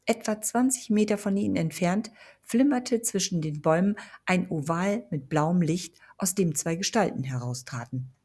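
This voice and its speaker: Husky low-voiced woman reading a novel. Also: moderate pace, hardly any pauses. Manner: steady storytelling read. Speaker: audiobook reader. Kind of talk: narrating a fantasy novel.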